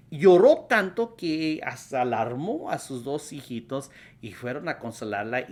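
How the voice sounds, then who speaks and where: A woman pastor and host recounts a testimony, her pitch rising and falling widely as she steps into each quoted speaker. She tells it with a storyteller's animation. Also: a little mellow.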